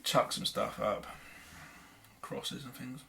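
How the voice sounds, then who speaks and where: A man's voice: medium pitch, steady tone, takes it slowly, vocal fry, sharp tone, a little hiss or hum. A man talking casually through a film commentary as its director, rambling and laughing often.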